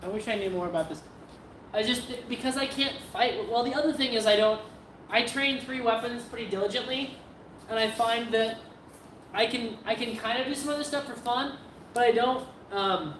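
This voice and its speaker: A woman's voice: on the high side, normal speed. Chatty woman streamer with faint noise. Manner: chatty, scattered, self-interrupting. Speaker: livestream host and sword practitioner. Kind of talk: casual livestream chat with viewers.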